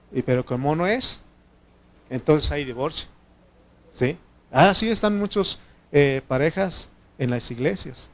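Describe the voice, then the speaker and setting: A man preaching a sermon, teaching the congregation and checking in with frequent questions. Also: mid-range voice. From Mexico. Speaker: pastor.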